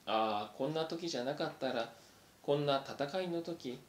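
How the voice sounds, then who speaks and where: A man reading aloud, voicing a brave young male mouse who speaks haltingly, choked with emotion, in a roomy recording. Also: on the high side, a little hiss or hum, lightly acted. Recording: roomy echo.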